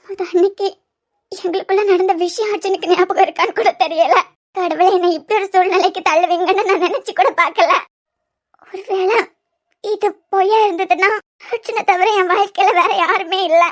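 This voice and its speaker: A woman's voice: extremely high pitch, fairly even intonation, moderate pace. A woman voicing a tearful, frightened young wife. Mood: worried, tearful. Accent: Kanyakumari Tamil. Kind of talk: cartoon web series voice acting.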